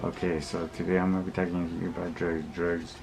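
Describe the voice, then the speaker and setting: A man's voice: deep voice, completely flat delivery. A man talking casually to viewers, giving opinions in blunt, slangy street talk, rambling and repeating himself as he backtracks. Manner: rambling, repetitive, halting, often backtracking. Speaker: vlogger. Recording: clearly noisy recording with background ambience.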